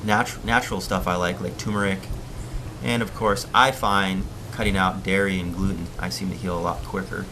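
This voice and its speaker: A man from Hawaii hosts a casual surf live stream, chatting and answering viewers' questions in a relaxed way. His voice sits low. A faint outdoor ambience runs under it. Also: moderate pace, background noise.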